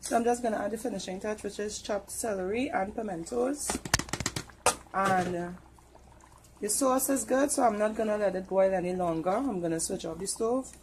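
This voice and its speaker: In a noisy setting, a woman from Trinidad and Tobago chats casually through her kitchen cooking steps for viewers. She speaks at normal speed in a mid-range voice with a Trinidadian accent.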